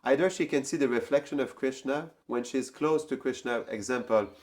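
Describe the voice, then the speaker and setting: A man casually telling a devotional story, halting and repeating words as he goes. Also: medium pitch, darkish tone.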